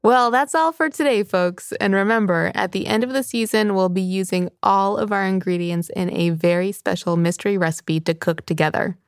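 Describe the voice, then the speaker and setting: A woman's voice: medium pitch, normal speed, few pauses, no room sound. Woman hosting a kids' cooking podcast. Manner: friendly, clear, announcing. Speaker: podcast host.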